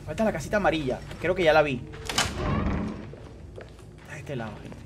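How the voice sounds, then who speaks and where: A man with a high, lively voice streams a game live, talking straight to his chat. He repeats himself in quick bursts. Faint noise sits under his desk mic. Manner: excitable, repeats phrases, addresses chat directly. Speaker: gaming streamer. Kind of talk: live gameplay commentary.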